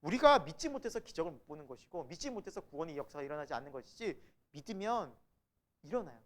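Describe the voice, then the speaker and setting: Church Bible teacher, sermon delivery, pitch swings a lot, acts out the people quoted. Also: fast talker. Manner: animated, asks the congregation questions and answers them; acts out the quoted speakers in lively voices. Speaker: preacher teaching a Bible class.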